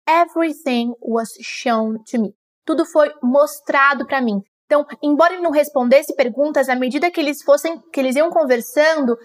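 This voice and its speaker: A young Brazilian woman with a Brazilian Portuguese accent teaching English. She reads the English lines slowly and carefully, then explains them quickly. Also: high-pitched, fairly bright tone. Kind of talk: bilingual read-along lesson.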